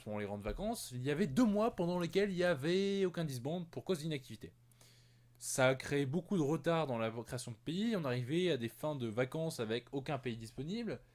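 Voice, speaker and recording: A man's voice: a little high, darkish tone. A young man hosting an amateur gaming news show, reading earnestly with many fillers and self-corrections.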